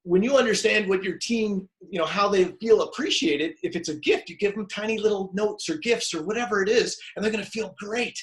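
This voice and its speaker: A man in casual conversation about his staff, animated and emphatic, acting out quotes. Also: sits high, fairly quick, hardly any pauses, rough recording. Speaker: business owner discussing team coaching.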